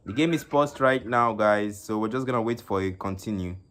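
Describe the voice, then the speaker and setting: A man hosting a live stream and commentating an esports tournament, talking haltingly with many fillers and repeated words into a phone. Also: lowish voice, fairly bright tone.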